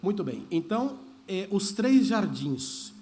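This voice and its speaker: A man's voice: high voice, very animated, slow, darkish tone. A man preaching a sermon as pastor, talking in a conversational way and slipping into Spanish phrases. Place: church service.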